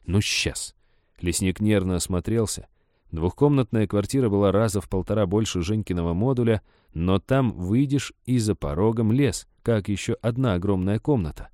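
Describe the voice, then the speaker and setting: A man narrating an audiobook in an even, storytelling way. His voice sits low and sounds dark and mellow, recorded close and dry with no room sound. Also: normal speed, dry recording. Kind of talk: scripted narration.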